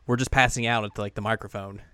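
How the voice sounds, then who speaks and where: A man's voice: lowish voice, steady tone, quick pace, sharp tone, clean tone, dry recording. A young man hosting a podcast in casual chat, rambling with fillers and laughs, close to the mic. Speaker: podcast host.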